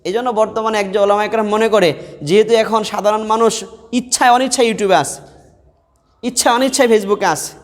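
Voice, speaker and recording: A man's voice: high-pitched, steady tone, brisk. A man teaching Quran reading in a classroom, quizzing his students with questions and drilling letters by repetition. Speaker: Quran teacher and mosque preacher. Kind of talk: classroom lesson. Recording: reverberant hall.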